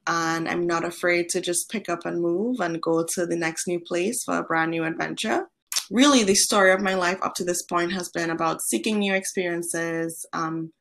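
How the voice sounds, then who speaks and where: A young woman from Trinidad and Tobago, a guest on a podcast interview who talks in a friendly, animated way with frequent ums. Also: fairly low pitch, gravelly. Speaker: guest, founder of an online platform.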